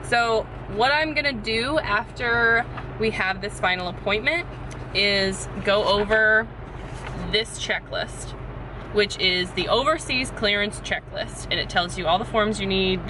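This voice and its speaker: A woman's voice: mid-range voice, measured pace. A young adult woman chatting casually and explaining things to camera, sitting in a parked car in pouring rain. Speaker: vlogger. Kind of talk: casual vlog chat to camera. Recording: noisy rain drumming on car. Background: loud rain on the car.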